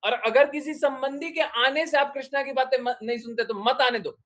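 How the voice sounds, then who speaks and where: A spiritual teacher with a very high, slightly bright voice gives a devotional discourse at a moderate pace. He exhorts his listeners with repeated short commands and questions.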